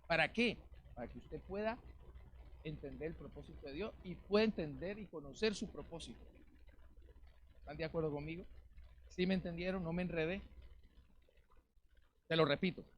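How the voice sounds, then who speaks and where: A man preaching a lively sermon as pastor in a church, calling out questions to the congregation. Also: a little high, normal speed, pauses often, slight background noise. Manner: calls out to the congregation, rhetorical questions. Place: church in Valencia, Spain. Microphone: live-streamed service mic.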